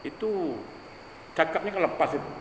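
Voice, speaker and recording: A man's voice: fairly high pitch, normal speed, noisy background. A man preaching a humorous sermon in a mosque, telling stories and acting out the people in them. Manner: storytelling, acting out quoted voices. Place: mosque hall. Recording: echoey mosque hall, faint ambience.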